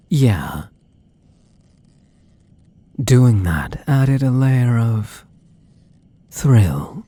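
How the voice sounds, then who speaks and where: A man voicing a possessive young half-spider bully in an intimate ASMR role-play, coaxing and teasing softly, tender yet menacing. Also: fairly low pitch, husky, no echo, heavily acted. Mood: apologetic, tender. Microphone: close microphone.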